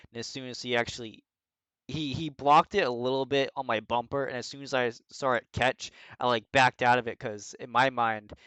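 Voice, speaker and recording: A man co-hosting a podcast talks in long, rambling runs and swears freely. His voice is smooth and clear, recorded dry and close. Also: medium pitch, bright, forceful tone, dry recording. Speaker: co-host. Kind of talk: casual podcast chat.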